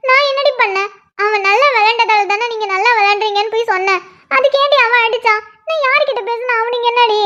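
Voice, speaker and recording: A defiant cartoon schoolgirl, voiced by a woman, who snaps back with sharp, indignant retorts. Her voice sits extremely high. The recording is dull and lo-fi. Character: feisty defiant schoolgirl, quick to fight back. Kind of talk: cartoon voice acting. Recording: dull lo-fi audio.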